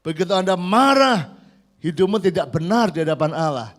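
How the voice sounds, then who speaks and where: A man with a fairly high voice preaching to his church. He tells animated stories and calls on the congregation to repeat his words back to him. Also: normal speed. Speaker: pastor. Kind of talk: sermon. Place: church service.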